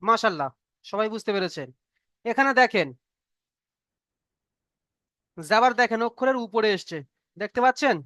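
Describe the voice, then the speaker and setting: A man's voice: sits high, lively intonation, a little fast, a bit bright, dry recording, muffled recording. A man teaching an online Arabic reading lesson as a Quran teacher. He speaks patiently, repeats each point and keeps asking if the class has understood. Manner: patient and repetitive, checks understanding with frequent questions.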